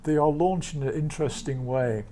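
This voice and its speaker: A man's voice: a little high, normal speed, warm tone, a little hiss or hum. A man being interviewed as a guest, informally explaining something technical. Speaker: interview guest, satellite society member. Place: livestream studio.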